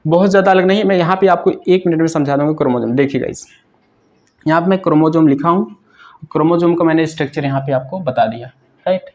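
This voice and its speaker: A man's voice: a little high, fast talker, a little mellow, lo-fi sound. A man teaching a science lesson who asks questions, answers them himself and keeps checking "right?".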